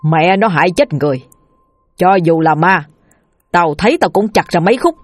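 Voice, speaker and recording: A woman voicing a blunt, gruff middle-aged father who scolds and swears harshly in a storybook reading. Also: low voice, a little fast, darkish tone, no echo.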